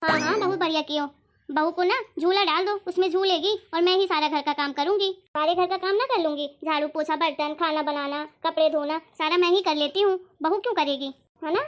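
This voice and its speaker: A woman playing a shrill, nagging mother-in-law. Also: brisk. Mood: angry. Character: scolding middle-aged mother-in-law, quick-tempered. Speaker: comedy sketch actor. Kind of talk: scripted family comedy sketch. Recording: dull lo-fi audio.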